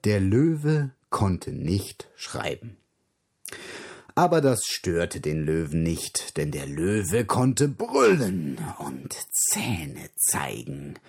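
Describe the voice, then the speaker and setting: Slow, gravelly man reading a storybook. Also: low-pitched. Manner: slow, expressive, with dramatic whispers.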